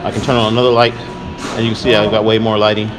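With a lowish, level voice, a man talks fast as music plays in the background. In his forties, he vlogs a chatty, repetitive walkthrough of his streaming gear from a noisy coffee shop at night, using a camera mic first in hand and then on a tripod.

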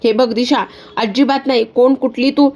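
Brief: woman voicing a stern, scolding young daughter-in-law, slightly high voice. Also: steady tone, normal speed. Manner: scolding, sharp.

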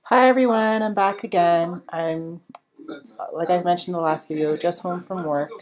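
A woman's voice: lowish voice, steady tone, moderate pace, a little mellow. A woman chatting casually at home while showing her handmade soap, rambling with lots of fillers. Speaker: soap maker. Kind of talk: casual vlog chat.

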